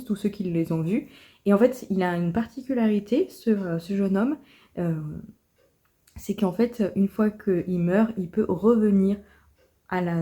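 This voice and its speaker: A woman vlogger chatting casually about her coloring books, with lots of fillers and restarts. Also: lowish voice. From France. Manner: chatty, many fillers and restarts, soft asides. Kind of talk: casual vlog chat.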